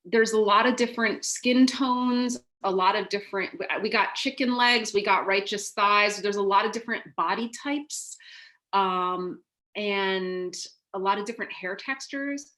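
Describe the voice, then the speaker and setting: A middle-aged American woman, an author on a video call panel, speaks reflectively from a room at home through her video call microphone. Her voice is medium-pitched, a bit bright, and she takes it slowly.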